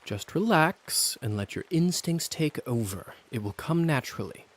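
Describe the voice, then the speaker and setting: A man's voice: a little high, lively intonation, moderate pace. An actor playing an easygoing male vampire mentor in a video game, coaxing and conversational, casually reassuring. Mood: sly, coaxing. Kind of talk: scripted game dialogue.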